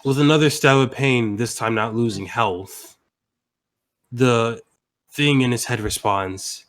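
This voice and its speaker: Male game master, casual narration, profane, mid-pitched voice. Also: takes it slowly, fairly bright tone. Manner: casual, swearing, laughing, with fillers.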